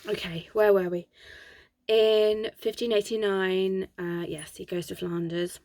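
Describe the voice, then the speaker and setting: Gravelly woman recounting history. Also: mid-range voice, little pitch movement, a little slow, darkish tone, no room sound. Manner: chatty, digressive, reading from notes. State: sore throat. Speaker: history channel host. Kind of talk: casual history storytelling from notes.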